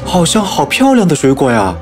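A man's voice: fairly high pitch, huge pitch swings, brisk, a little mellow, soft background music. A man playing an eager, impulsive, naive young man in an acted children's audio story. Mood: amazed.

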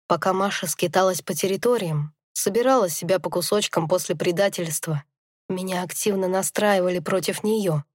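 A woman voicing an old male werewolf grandfather who confesses in a grave, lowered tone, read in an audiobook. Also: no room sound, clean studio sound, close to an everyday voice.

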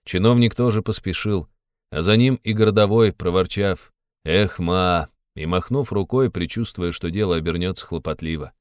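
Guy reading an audiobook, smooth resonant voice, steady. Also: low-pitched, brisk, no echo, clean studio sound. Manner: steady literary narration. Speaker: narrator.

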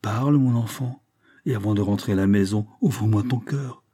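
A man doing a grave, gentle old grandfather. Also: lowish voice, normal speed, breathy edge. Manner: grave, tender.

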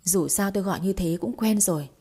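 Female narrator plays deferential older housemaid, soft and warm. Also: medium pitch, a little fast, slightly rough. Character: older former maid, humble and polite.

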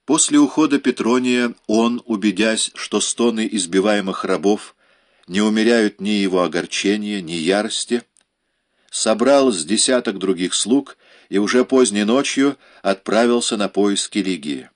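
A man reading a historical novel aloud as an audiobook narrator, measured and dramatic. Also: on the low side. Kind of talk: scripted narration.

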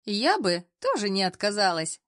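A woman's voice: mid-range voice, sing-song, moderate pace, dry recording, clean studio sound, natural voice. A woman voicing an older female cleaner who is cheeky, folksy and mocking. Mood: flirty. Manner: folksy, teasing.

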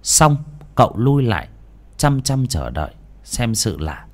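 A man narrating a village ghost story in a dramatic, animated way. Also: medium pitch, measured pace.

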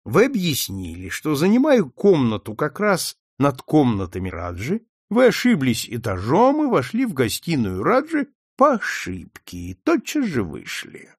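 A man voicing a calm, shrewd male detective who questions gently and conciliatorily. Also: fairly high pitch, unhurried, hardly any pauses, slightly rough, no echo, studio quality, full character voice. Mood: calm probing.

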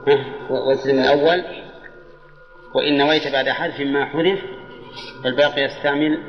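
A man's voice: mid-range voice, fairly even intonation. Older male scholar on old hall tape. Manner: measured, drawing out quoted examples. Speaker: Islamic scholar teaching Arabic grammar. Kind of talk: classroom lesson with questions to students. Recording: dull old lecture tape in a reverberant hall.

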